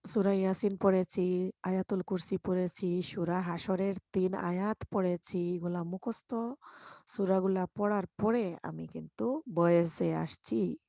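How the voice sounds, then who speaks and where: A woman chatting to viewers on a live stream, speaking softly into a microphone while lying in bed next to a sleeping baby. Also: fairly low pitch, steady tone, unhurried, creaky, no echo, studio quality. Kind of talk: casual live chat, reading comments. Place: bedroom, lying on the bed beside her baby.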